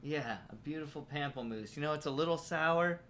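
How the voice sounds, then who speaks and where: A man's voice: fairly high pitch, fairly quick, a bit bright. A man co-hosts a casual comedy podcast. He riffs in a goofy, playful way. A faint noise sits behind his voice. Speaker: podcast co-host.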